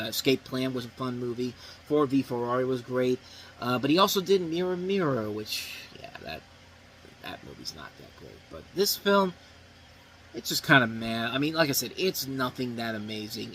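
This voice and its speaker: A man's voice: medium pitch, a bit bright, a little hiss or hum, poor audio. A man hosting a movie review show, talking casually and rambling a bit.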